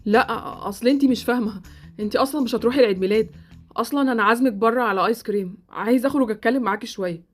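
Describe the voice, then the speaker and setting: A woman's voice: fairly high pitch, rapid-fire, soft background music, natural voice. A woman with an Egyptian accent voicing Sultan, a blunt, awkward boy in a Roblox roleplay series. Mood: brusque.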